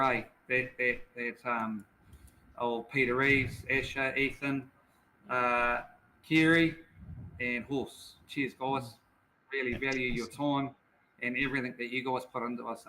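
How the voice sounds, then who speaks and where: A New Zealand-accented man with a sharp, bright voice chats casually. His delivery is halting and repetitive, very informal. Light noise sits behind him. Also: medium pitch, steady tone, low-quality recording. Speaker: speedway racer, show guest. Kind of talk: casual chat.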